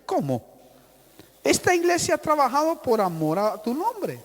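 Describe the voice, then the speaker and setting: A man preaching a sermon as pastor, calling his listeners "hermano", with sudden loud outbursts and dramatic quoted voices. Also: very high-pitched, big pitch swings, normal speed, long reverb tail. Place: church hall.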